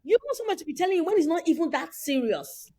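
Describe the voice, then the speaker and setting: A woman's voice: very high-pitched, quick pace. A woman from Nigeria co-hosting a casual chat, telling stories with lots of quoted dialogue. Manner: animated storytelling with quoted dialogue. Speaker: co-host.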